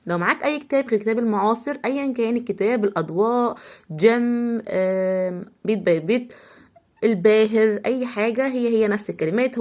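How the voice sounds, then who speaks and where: An Egyptian woman teaching English words to young children, with a voice pitched a little high. She breaks each word into small sounds, stretches them out slowly, and says every word several times. She keeps asking the listener to say the words along with her. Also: darkish tone. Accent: Egyptian Arabic. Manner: has the listener repeat after her. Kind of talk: spelling-out vocabulary lesson for children.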